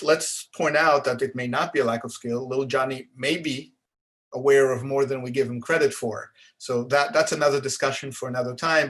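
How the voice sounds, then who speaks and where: A man's voice: medium pitch, fairly bright tone. A man giving a conference lecture on therapy skills, speaking conversationally with frequent tag questions and "uh"s. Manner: conversational, frequent "right?" asides; restarts and filler "uh"s while explaining. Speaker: psychologist speaker.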